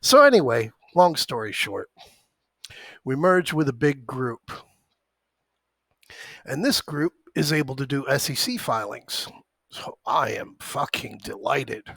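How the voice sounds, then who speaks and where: A man's voice: mid-range voice, expressive, slow pace, gravelly, pauses often, fairly bright tone, slightly rough, no echo, clean studio sound. A man in his forties hosting an options trading stream from his home computer, swearing often and breaking off his story to call out stock prices. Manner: profane, rambling, jumps between anecdote and stock prices. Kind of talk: livestream storytelling mixed with market commentary.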